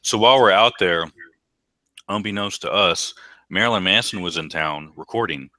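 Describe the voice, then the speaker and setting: A man's voice: low-pitched, moderate pace, pushed and bright, no echo. A man co-hosting a podcast, telling concert stories in a casual, rambling way with many ums and restarts. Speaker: podcast co-host. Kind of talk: casual chat.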